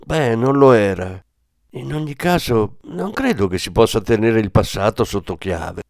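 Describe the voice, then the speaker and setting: A man's voice: lowish voice, very animated, measured pace, creaky, no echo, clean studio sound, exaggerated voice. A man reading as a curious ten-year-old boy. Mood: earnest. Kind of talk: audiobook reading.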